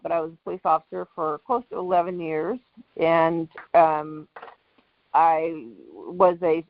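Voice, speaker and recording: A middle-aged woman, a former police officer, speaking in a measured, matter-of-fact way as a guest in an interview. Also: fairly low pitch, gravelly, dry recording. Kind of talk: conference call interview. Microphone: phone on a conference call. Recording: muffled conference call line.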